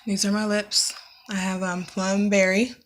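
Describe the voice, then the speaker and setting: A woman's voice: medium pitch, flat delivery, measured pace. A young woman giving a casual makeup tutorial, explaining each step plainly with frequent ums. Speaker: beauty vlogger. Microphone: camera mic, close-ups to the lens.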